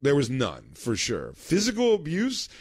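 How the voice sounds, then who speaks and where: A man's voice: on the high side, huge pitch swings, a little slow, darkish tone, slightly rough, dry recording. Rambling man telling a story, dry sound. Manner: rambling storyteller, laughs mid-sentence. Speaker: podcast co-host. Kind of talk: casual chat.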